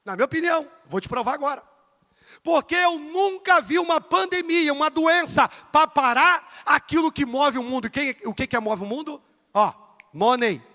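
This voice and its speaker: A man with a Rio de Janeiro accent preaching an evangelical sermon in a church. He is emphatic, swinging between loud bursts and low asides, and calls his listeners dear brother and asks them for amens. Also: normal speed. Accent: Rio de Janeiro Portuguese. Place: church sanctuary. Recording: reverberant church hall.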